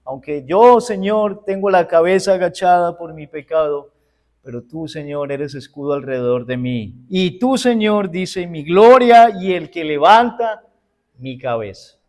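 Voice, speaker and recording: Slow, emphatic Uruguayan preacher man. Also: a little high, animated, darkish tone. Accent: Uruguayan Spanish. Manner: emphatic preaching with rhetorical questions to the congregation; addresses listeners as brothers and sisters. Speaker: pastor. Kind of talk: sermon.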